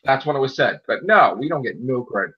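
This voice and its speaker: A man with a mid-range, breathy-edged voice talks fast and animatedly as a podcast co-host, pushing his opinions hard and repeating points for stress in a casual chat. The recording sounds muffled and lo-fi.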